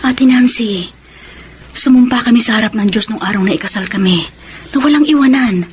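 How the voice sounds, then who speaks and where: In a Tagalog radio drama full of emotion, a Filipino woman voices a lonely middle-aged wife and mother who is devoted and long-suffering. Her natural voice sits on the high side and moves a little fast, with slight background noise, and her plaintive delivery comes across as sad and earnest.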